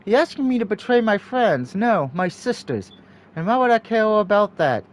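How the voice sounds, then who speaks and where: A man reading the visual novel lines of a stern, quick-tempered female prison interrogator, blunt, cold and commanding. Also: high-pitched, big pitch swings. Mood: cold, irritated. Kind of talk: visual novel dialogue read aloud.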